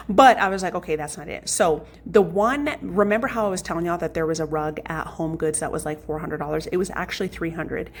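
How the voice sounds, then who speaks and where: Chatty vlogger lady talking to her viewers, kinda low voice, little bit of room noise. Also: brisk. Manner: chatty, animated, addresses viewers as y'all. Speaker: home vlogger. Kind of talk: casual storytelling to viewers.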